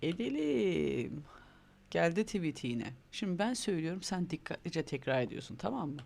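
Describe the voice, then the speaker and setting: Encouraging male teacher with a gravelly voice. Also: fairly high pitch, lively intonation, fairly quick. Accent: Turkish. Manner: encouraging, prompting children to repeat words. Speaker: primary school English teacher. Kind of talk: online lesson for young children.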